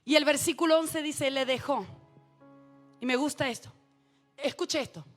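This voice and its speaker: A woman preacher delivering a sermon, calling out to her congregation and rising from hushed asides to shouted exhortations. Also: high-pitched, moderate pace, faint music behind. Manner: addresses the congregation directly, calls for responses.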